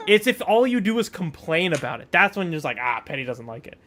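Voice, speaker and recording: A man streaming a video game, chatting casually with animated, joking mock outrage. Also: a little high, fast talker.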